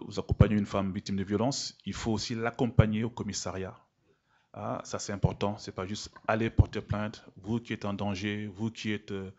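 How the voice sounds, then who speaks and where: A man giving a conference talk to professionals, deliberate in his delivery. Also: fairly low pitch, dull audio. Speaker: conference speaker.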